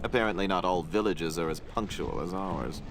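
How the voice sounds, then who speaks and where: An actor playing a polite, officious cannibal islander in a comic adventure game, speaking deadpan like a tour guide. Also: male voice, sits low, normal speed, a little hiss or hum. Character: civil, polite male cannibal islander villager with modern tastes.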